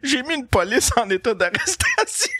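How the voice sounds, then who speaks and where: A man with a Québécois accent, a podcast host telling a comic story in an animated, profane way and laughing as he goes. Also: very high voice, moderate pace, heavy background noise. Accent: Québécois French.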